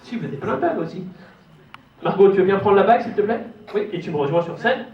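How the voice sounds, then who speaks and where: A man's voice: high voice, expressive, fast talker, muffled recording. A man doing live kids' party magician patter, a playful, teasing showman coaxing children and their families. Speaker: stage magician hosting a children's magic show. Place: show venue with a stage and live audience. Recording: echoey hall, distant mic, noisy audience.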